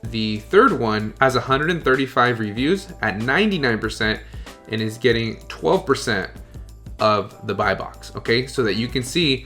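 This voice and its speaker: A man's voice: medium pitch, pushed and bright. Casual man walking through a screen tutorial. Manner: casual, repeats "okay?" and "you guys". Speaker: online seller coach.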